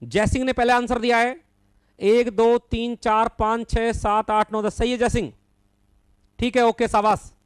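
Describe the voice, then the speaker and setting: High-voiced man teaching a live maths class. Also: measured pace, smooth, dry recording. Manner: calls students by name, affectionately addresses them as son; counts numbers aloud in steady recitation.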